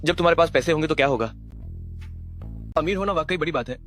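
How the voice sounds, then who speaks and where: A man playing a bossy amnesiac CEO, quick and commanding. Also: a little high, a bit bright, faint music behind, natural voice. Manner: commanding, possessive. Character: domineering young male CEO with amnesia. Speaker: company president. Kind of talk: dubbed drama dialogue.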